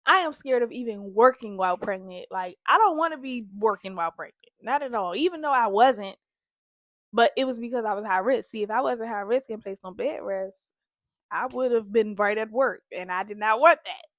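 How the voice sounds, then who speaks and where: A young woman speaks candidly in a confessional vlog, earnest and emotional as she addresses her viewers directly. Her voice sits a little high, and the sound is dry and close. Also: moderate pace, a bit bright, dry recording. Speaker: host.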